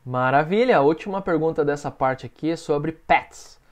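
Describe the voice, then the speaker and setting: Man, Brazilian Portuguese accent, English teacher, patient drilling, slow model phrases, slightly raised pitch. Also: muffled recording. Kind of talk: online English lesson for beginners.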